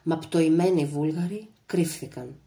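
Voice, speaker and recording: Low-voiced woman reading an audiobook. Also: mellow. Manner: measured, dramatic reading. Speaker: audiobook narrator. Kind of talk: literary audiobook narration.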